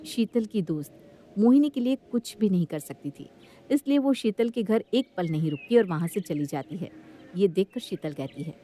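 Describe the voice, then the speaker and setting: Woman telling a moral story, steady scripted narration. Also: mid-range voice, normal speed.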